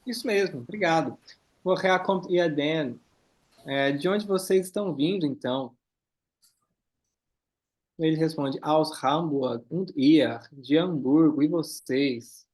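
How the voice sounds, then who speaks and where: A man teaching a German class, reading lines slowly and then explaining them quickly. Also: on the high side, a little mellow. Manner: switches between slow careful German and quick explanations. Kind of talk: online class, reading dialogue and translating.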